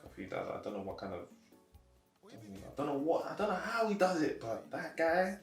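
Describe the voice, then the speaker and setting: A young man in his twenties answering interview questions casually, animated and quick to laugh. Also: a little high. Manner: animated, laughs easily, acts out quotes. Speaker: interview guest. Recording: roomy echo, faint background music.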